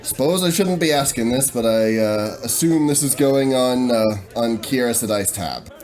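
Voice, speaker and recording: A man's voice: mid-range voice, lively intonation, moderate pace, a little mellow, lightly acted. A man voicing a weary older tavern keeper with a long-suffering drawl, over faint music. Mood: friendly.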